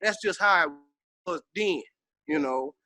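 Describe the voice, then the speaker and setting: Speaking in a high, sharp voice with lively intonation and an unhurried pace, a middle-aged veteran rapper with a Southern American accent casually reminisces as an interview guest. His delivery is emphatic, slangy and streetwise, sprinkled with swearing.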